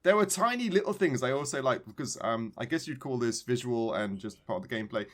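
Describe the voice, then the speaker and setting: Medium in pitch with lively intonation, a male podcast co-host talks quickly and excitedly, wandering through a relaxed chat about video games.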